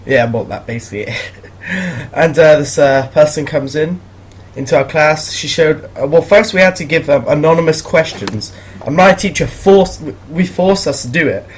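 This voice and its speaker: Teen male vlogger, husky, slightly high voice, loose rambling storyteller. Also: normal speed. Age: teens. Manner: rambling, laughing, awkward. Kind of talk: casual storytelling commentary.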